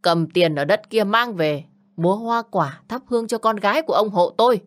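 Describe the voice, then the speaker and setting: A woman's voice: medium pitch, normal speed, voice pushed up, lightly acted. A contemptuous young man, acted by a woman in a spoken story. He taunts in a raised, scornful voice. His tone stays cold and arrogant. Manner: sneering, taunting.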